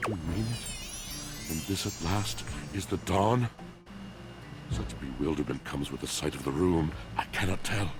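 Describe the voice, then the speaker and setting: A man's voice: measured pace, over music. A man voicing a brooding, melancholy washing machine in a dating sim game, with a villainous voice and a grandiloquent, poetic monologue delivery. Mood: forlorn. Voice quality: deep, villainous voice. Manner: theatrical, grandiloquent dramatic monologue.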